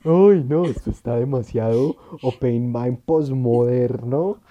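A man chats on a podcast with big, theatrical exclamations. His intonation swings widely up and down, and his tone is deeply mellow and dark. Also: expressive, normal speed, lo-fi sound. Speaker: podcast co-host. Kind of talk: casual chat.

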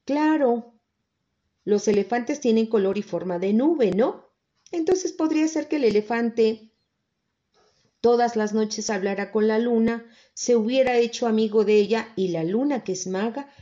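A woman's voice: fairly high pitch, measured pace, dark tone, lo-fi sound, close to an everyday voice. A woman voicing an eager, imaginative male pig student in a storybook, in a raised voice.

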